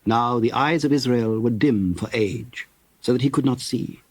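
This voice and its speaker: A man with a medium-pitched, husky voice reads scripture from a script, telling it in a measured, solemn way. There's no echo.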